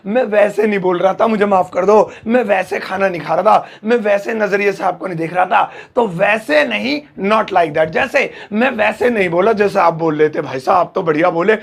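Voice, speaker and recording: A man teaching English phrases to Hindi speakers, drilling each phrase slowly word by word with playful asides to viewers. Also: high voice, creaky. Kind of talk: Hindi-language English lesson.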